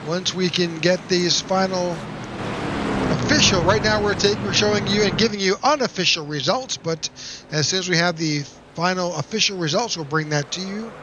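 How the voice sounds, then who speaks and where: A man doing play-by-play race broadcast commentary, upbeat, reading out results in a steady list. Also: high-pitched, moderate pace, noisy background. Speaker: play-by-play announcer.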